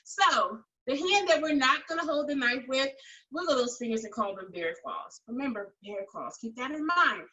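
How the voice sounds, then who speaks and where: A woman's voice: sits high, lively intonation, moderate pace, bright, forceful tone, slightly rough, muffled recording. A woman cooking teacher giving children a step-by-step demonstration in an instructive, encouraging way, repeating key phrases. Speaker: kids' cooking school teacher and host.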